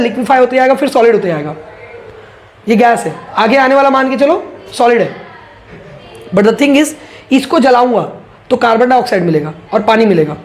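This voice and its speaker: A man teaching a chemistry class in a casual lecture style, asking rhetorical questions, answering them himself and repeating key points. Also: extremely high pitch.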